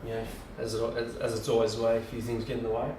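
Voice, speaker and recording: A man's voice: mid-range voice, flat delivery, fast. Home brewer man, unscripted how-to, filler-heavy delivery, recorded on a distant camera with noticeable background hiss. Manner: rambling, lots of ums and restarts. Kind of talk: casual how-to video. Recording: roomy and distant camera mic.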